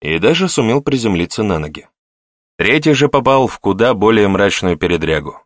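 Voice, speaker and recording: Guy narrating an audiobook, lowish voice, dry close sound, steady pace. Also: a little fast, no room sound. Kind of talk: scripted narration.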